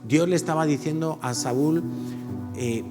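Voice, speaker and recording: Guy preaching a sermon, kinda high voice, big echoey hall. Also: measured pace, music in the background. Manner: animated preaching, acting out quoted voices. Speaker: pastor. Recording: long hall reverb.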